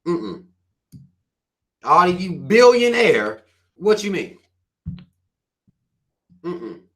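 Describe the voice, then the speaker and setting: A man's voice: high voice, big pitch swings, drawn-out words, a bit bright. A man with a Southern American accent hosting his own channel, ranting bluntly and profanely in a casual livestream while reading out viewer comments. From US South, Carolinas.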